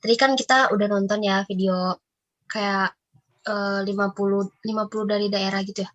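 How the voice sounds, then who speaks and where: A woman's voice: mid-range voice, steady tone, normal speed, dull audio. A woman with an Indonesian accent hosting a casual podcast, talking in a chatty, rambling way with lots of fillers. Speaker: podcast host. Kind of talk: casual reaction chat.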